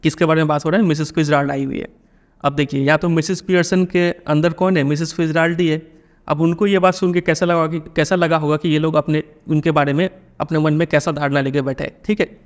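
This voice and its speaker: A man's voice: fairly high pitch, steady tone, fairly quick. A man teaching a literature lesson, with an Indian accent in English, often stopping to ask whether the students follow. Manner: keeps checking understanding with questions.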